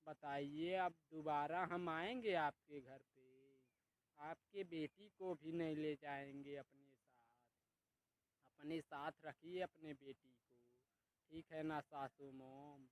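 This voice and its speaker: Comic cartoon: an aggrieved young son-in-law, indignant, slow-talking, voiced by a man. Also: fairly high pitch, fairly even intonation, dry recording, rough recording. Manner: complaining, indignant.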